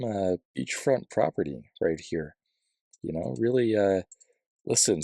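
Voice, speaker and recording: A deep-voiced man talks through his gameplay in a loose, rambling way, full of ums and restarts and quick jokes at his own expense. His voice is low with a gravelly, fried edge. The sound is dry and close, with no room around it. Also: a little mellow, no room sound. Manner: rambling, self-deprecating, many fillers and restarts. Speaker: let's play host. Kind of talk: casual gameplay commentary.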